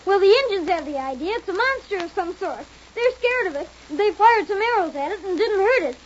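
A young performer playing an excitable boy of the Old West in a 1930s radio drama. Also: very high-pitched, a little fast. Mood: excited. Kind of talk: 1930s radio Western acting. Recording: muffled, hissy 1930s radio recording.

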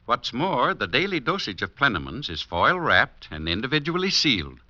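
Reassuring druggist, chipper 1950s radio ad, very bright forceful voice, muffled old recording. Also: male voice, medium pitch, big pitch swings, normal speed, no room sound. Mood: upbeat, reassuring. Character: reassuring family druggist selling vitamins.

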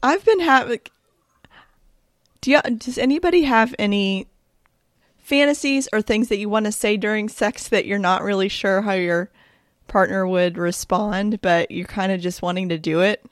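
A young woman hosts a candid chat among friends, frank and giggly, often stumbling and restarting mid-sentence. Her voice sits at a middle pitch, recorded dry and close. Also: normal speed, no room sound. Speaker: host. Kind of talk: casual group chat.

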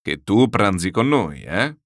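A booming, good-humoured old general from a classic novel, hearty and loud, who breaks into laughter between his lines, as a male reader plays him. The voice sits low but swings freely, and the recording is dry. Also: sing-song, a little slow, dry recording, full character voice. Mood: jovial, laughing. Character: jovial, boisterous old general, laughing loudly.

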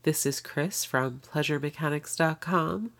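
Congested low-voiced woman podcast host. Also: a little slow, creaky, a bit bright. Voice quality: nasal. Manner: chatty, upbeat. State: congested with a cold. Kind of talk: casual podcast intro.

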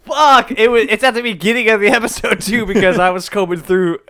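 A man's voice: sits high, a little fast, a bit bright. A man co-hosting a casual podcast, swearing and throwing out joking guesses. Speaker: podcast co-host. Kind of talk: casual chat.

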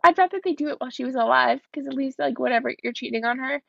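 High, gravelly woman in chatty book talk. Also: rapid-fire, a bit bright, no room sound, highs cut off. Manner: chatty, acts out quotes, swears. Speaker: book podcast co-host. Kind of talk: casual book discussion.

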